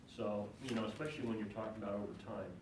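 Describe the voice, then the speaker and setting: An older man, a retired general, answering on a panel in a measured, reflective way. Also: lowish voice, steady tone, background noise. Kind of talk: panel discussion. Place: event hall. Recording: echoey room from a distance.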